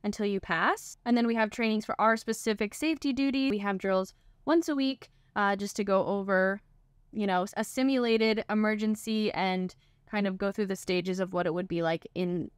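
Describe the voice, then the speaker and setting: A woman's voice: medium pitch, normal speed, clean tone, dry recording, clean studio sound. A woman in her twenties who works as a cruise ship performer, chatting casually to the camera from her cabin with lots of filler words. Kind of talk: casual vlog explainer. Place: small crew cabin on a ship.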